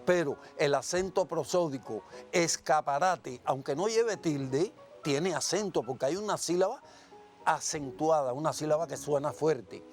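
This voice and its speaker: A man from Cuba teaching a televised classroom lesson, explaining slowly and asking and answering his own questions. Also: fairly high pitch, lively intonation, darkish tone, faint music behind.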